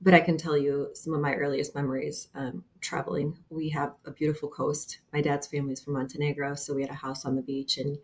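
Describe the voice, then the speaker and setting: Guesting on a casual remote interview, a Bosnian-accented woman in her thirties from Bosnia and Herzegovina talks earnestly and leans on fillers. Her low, slightly mellow voice keeps a level tone, moving fairly quickly with few pauses.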